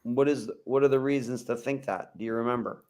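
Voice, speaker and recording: A male podcast host who talks at an everyday middle pitch. He rambles and circles back on himself, dropping lots of "you know", and he likes to tease his co-host. It sounds like loose, unscripted conversation. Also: fairly even intonation, a little fast, a little mellow. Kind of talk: casual chat.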